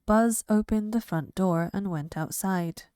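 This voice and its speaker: A woman reading a children's picture book aloud in a slow, clear storytelling manner. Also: mid-range voice, warm tone, no room sound. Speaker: reader.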